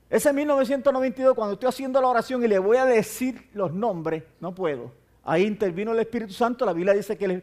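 High-voiced older preacher. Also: male voice, darkish tone. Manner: storytelling, acts out dialogue. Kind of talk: personal testimony.

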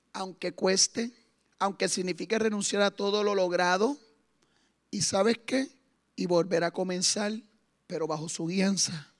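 A man preaching a sermon with fervor, moving from hushed stretches to loud exclamations. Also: high-pitched. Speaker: guest preacher.

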